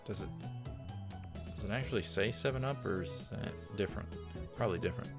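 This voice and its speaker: With music in the background, a man with a fairly low, creaky voice reads a visual novel aloud for a let's play, talking a little fast. His commentary is casual and somewhat rambling, with self-corrections tossed in as asides.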